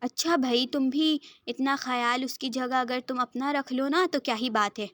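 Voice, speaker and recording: A woman's voice: sits high, fairly even intonation, normal speed, dry recording, close to an everyday voice. A woman voicing a doting, forgiving middle-aged mother who speaks in a soothing, reassuring way, in a dry recording. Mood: soothing, teasing.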